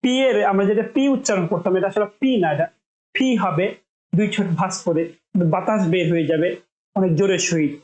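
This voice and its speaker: A woman teaching English pronunciation, saying each sound slowly several times so learners can copy it. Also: on the low side, a little mellow, reverberant, low-quality recording. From Bangladesh. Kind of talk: spoken lesson, demonstrating sounds.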